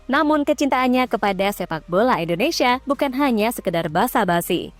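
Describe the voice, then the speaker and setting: A woman's voice: a little high, animated, brisk. A woman narrating football news in a scripted read, dropping in casual slang asides. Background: faint background music.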